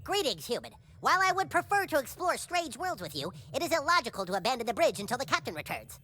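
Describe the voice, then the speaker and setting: A woman voicing a young kid who plays a stiff, robotic starship officer, with a flat, clipped robot-like delivery in a video game. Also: sits high, quick pace, faint music behind, heavily acted. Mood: mock-formal.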